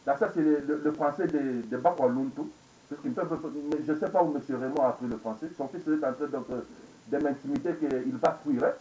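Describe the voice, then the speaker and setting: A man's voice: fairly high pitch, a little fast, warm tone, a little hiss or hum. Angry man ranting into a webcam. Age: 40s. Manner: angry, repetitive, rhetorical questions, code-switching into English. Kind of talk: angry rambling monologue. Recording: echoey dull lo-fi webcam recording.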